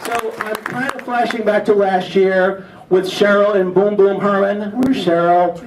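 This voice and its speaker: Crowd noise fills an echoey event room as a man with a high-pitched, fairly even voice speaks a little slowly. The auctioneer and emcee playfully teases the gathering in an unscripted comic opener, recorded on a distant mic with the audience behind.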